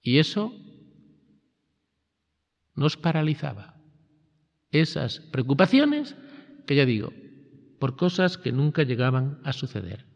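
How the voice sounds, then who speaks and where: A male priest gives a retreat sermon, and his pitch climbs and drops widely as he stresses phrases. He speaks slowly and deliberately. The sound is dull and lo-fi, with a long reverb trailing each line. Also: very animated, gravelly. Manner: emphatic, rising and falling preaching cadence with slow stressed phrases.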